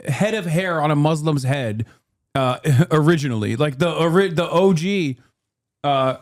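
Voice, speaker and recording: Sarcastic man chatting over a clip. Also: fairly high pitch. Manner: sarcastic, laughs mid-sentence. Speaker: stream host reacting to clips. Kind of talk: casual reaction commentary.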